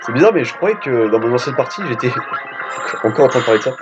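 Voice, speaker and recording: A man's voice: mid-range voice, expressive, fast talker. A man hosting a let's play, chatting casually and rambling as he plays, with frequent casual swearing. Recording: dull lo-fi audio with game music. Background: game music.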